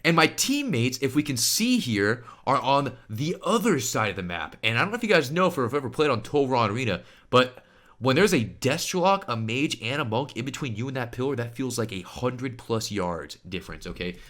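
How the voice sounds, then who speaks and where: Brief: man in a match breakdown, lively up-and-down delivery, emphatic. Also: medium pitch, moderate pace. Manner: animated, emphatic, swings between hype and hushed asides. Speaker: pro player and streamer. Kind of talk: game match breakdown commentary.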